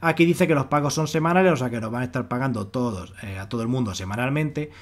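A man with an accent from Spain voices over a screen recording as a YouTube presenter of money-making websites. He talks fast in a mid-range voice, giving a casual, wordy walkthrough and often repeating himself to explain.

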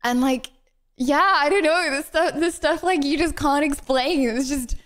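A woman from the UK with a high voice chats as a podcast guest. She giggles often and stretches out words for emphasis. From United Kingdom. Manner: giggly, filler-heavy, drawn-out emphasis. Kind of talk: casual chat.

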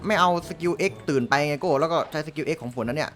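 A young man hosting a gameplay video, chatting casually and excitedly with crude slang and lots of laughter. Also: on the high side, fast. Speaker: gaming YouTuber host. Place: home room, rain outside.

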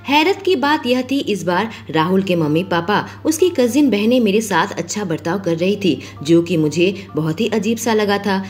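A woman narrating a romantic audio story as a storyteller, with a steady, expressive reading. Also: medium pitch.

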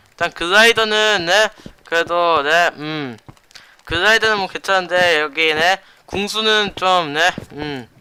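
Slight background noise sits under a young man's somewhat high voice as he commentates a block-building PvP match for his gaming channel. He chats along, adds "yes" after nearly every phrase, and shouts in the fights.

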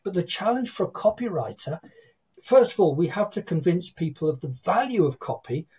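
An older man talks through a video call from a book-lined home office, with a husky, slightly breathy voice pitched a bit high for a man. He tells stories with energy and acts out the people he quotes. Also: big pitch swings, moderate pace, mellow. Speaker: guest copywriter. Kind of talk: casual interview chat. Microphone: video call webcam.

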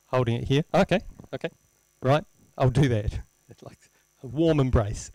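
A man presenting an informal live technical demo, halting as he thinks aloud, with wry, self-deprecating humour. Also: mid-range voice, dark tone, no room sound, low-quality recording. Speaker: presenter at a tech meetup. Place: indoor lecture room, presenting at a screen. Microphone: handheld microphone.

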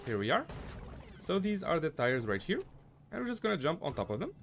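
A man's voice: fairly high pitch, big pitch swings, brisk, gravelly, a bit bright, slight background noise. A young man giving a casual, filler-heavy walkthrough of a video game, talking to his viewers. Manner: chatty, lots of fillers, addresses viewers as guys. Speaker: gaming guide creator.

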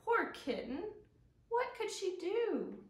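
An extremely high-pitched woman in her thirties, a children's librarian, leads storytime for young kids indoors in her living room. She presents expressively, using simple wording and lingering on key words. Captured by a camera a few feet away, the audio is roomy and carries a little hiss or hum.

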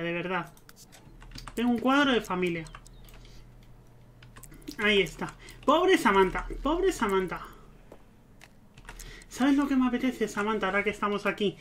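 A man's voice: high-pitched, a bit bright, slight background noise. Chatty gamer man. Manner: chatty, talks to his game characters. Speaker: let's play gamer. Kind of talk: casual gameplay commentary.

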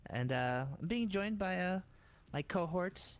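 A man's voice: sits high, animated, unhurried, smooth. A man with a nasal voice, tired after a long day, hosting a casual let's-play gaming chat in a laid-back, rambling way.

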